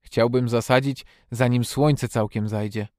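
A man voicing a frail young boy in a storybook reading, talking quickly and eagerly with a commanding edge. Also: medium pitch, fairly even intonation, a little mellow, no echo, clean studio sound, close to an everyday voice.

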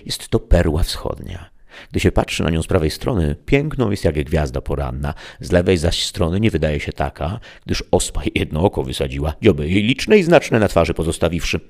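A man's voice: sits low, darkish tone. A man voicing a simple, long-winded village peasant who speaks meekly and deferentially. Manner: meek, rambling, deferential.

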